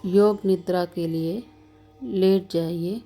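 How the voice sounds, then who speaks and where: Over background music, a woman leads a yoga nidra relaxation session in a mellow, even, somewhat low voice. She narrates slowly and soothingly, with long pauses between brief instructions. Her intonation remains very flat and steady throughout.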